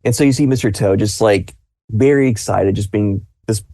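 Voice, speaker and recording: Man, game master, mellow dark voice, relaxed narration with fillers, dry close sound. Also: lowish voice, moderate pace, no room sound.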